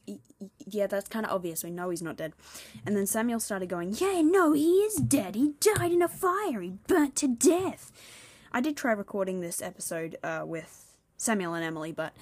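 A young woman hosting a casual solo podcast, rambling and chatty, talking fast and laughing often. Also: mid-range voice, dry recording. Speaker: podcast host.

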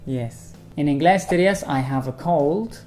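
A man teaching English vocabulary in a bilingual lesson, repeating each model sentence slowly and carefully. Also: fairly high pitch, a little mellow, faint music behind.

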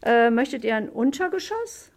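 This German teacher, a woman from Germany, runs a podcast for her class and asks easy questions at a slow pace, using lots of filler words. She speaks a little high and sounds very animated.

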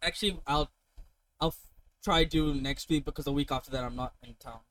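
Male podcast co-host, fairly high voice, exclamatory and slangy, loose casual chat with plenty of swearing. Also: fairly quick, fairly bright tone.

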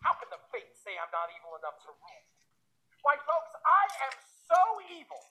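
A man's voice: fairly high pitch, fairly even intonation, bright, forceful tone, poor audio. An actor on a theater stage playing Hades, a hotheaded, wisecracking male lord of the underworld with a brash, sarcastic stage-comedy delivery. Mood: boastful. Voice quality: brash, fast-quipping, sarcastic. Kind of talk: live stage show comedy.

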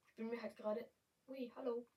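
A young woman speaking standard German, chatting casually and excitably while commentating her gameplay. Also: a little high, fairly quick, recorded from a distance, low-quality recording. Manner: chatty, excitable, yelps and exclaims often. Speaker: gamer streamer.

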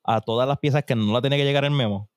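A man's voice: mid-range voice, racing, dry recording, clean studio sound. A man, co-hosting a podcast in joking casual chat and switching into English slang. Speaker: podcast co-host.

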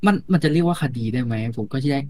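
A man's voice: fairly high pitch, lively intonation, quick pace, a little mellow. A man on a podcast panel asking questions and hunting for the right words. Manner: hesitant, searching for words. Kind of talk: casual chat.

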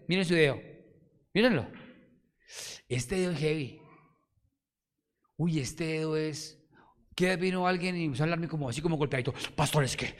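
Animated Colombian pastor in echoing hall. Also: male voice, on the high side. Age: middle-aged. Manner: animated, emphatic, full of rhetorical questions to the congregation. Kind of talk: sermon. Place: church hall. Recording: long hall reverb.

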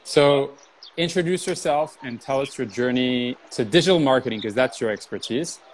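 A man's voice: mid-range voice, moderate pace, a little hiss or hum, low-quality recording. A man hosting an interview, talking casually with lots of "you know" fillers. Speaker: interview host.

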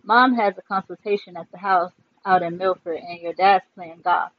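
A man's voice: sits high, moderate pace, dull audio, natural voice. A man doing a joking, easygoing young guy. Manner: joking, relaxed. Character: easygoing young man, good-natured big-brother type.

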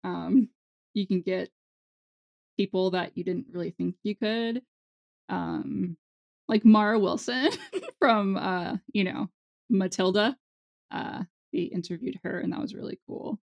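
A woman co-hosting a podcast in casual conversation, with a creaky vocal fry and an informal, self-interrupting way of talking. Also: medium pitch, unhurried, pauses often. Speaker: podcast co-host.

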